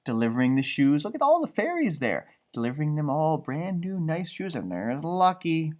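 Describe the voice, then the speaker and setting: A fairly high-pitched man at normal speed reads a children's story out loud. Along the way he animatedly chats about the pictures in improvised asides, like a storybook reader.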